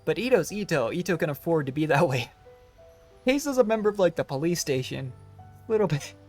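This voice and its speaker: A game streamer with a medium-pitched, darkish voice gives casual playthrough commentary, animated and brisk yet musing and a little hesitant as they think aloud. Game music plays in the background.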